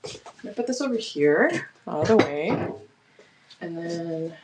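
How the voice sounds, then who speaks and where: A woman's voice: on the low side, animated, measured pace, noisy background. Woman, rambling cooking chat, home kitchen, tripod camera, clicking and clatter behind her. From Canada. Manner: chatty, rambling, self-correcting. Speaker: cooking streamer. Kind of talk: casual chat while cooking.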